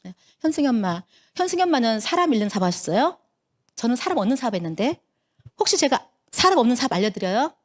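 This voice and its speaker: A woman's voice: on the high side, quick pace. A woman in her fifties giving a motivational talk as a business leader, telling stories and acting out the dialogue, with a Busan-area accent. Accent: Korean, Busan area. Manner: animated storyteller acting out dialogue. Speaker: network marketing business leader.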